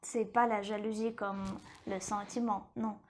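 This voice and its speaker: A woman teaching a lesson in French, repeating each word slowly and carefully. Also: medium pitch, level tone. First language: Russian. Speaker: language teacher.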